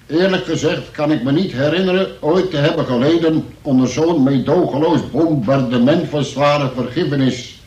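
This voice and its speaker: For a Dutch radio play, an actor voices a wry arrested man narrating his statement in mock-formal, scripted first person. His voice is a little high and a little mellow, lightly acted, recorded far from the mic in an echoey room with the highs cut off.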